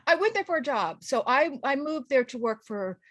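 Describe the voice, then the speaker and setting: A middle-aged woman from Los Angeles talks as a radio interview guest. She is chatty, full of fillers and restarts, with a fairly high voice. The sound is dry and close. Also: big pitch swings, moderate pace, no echo.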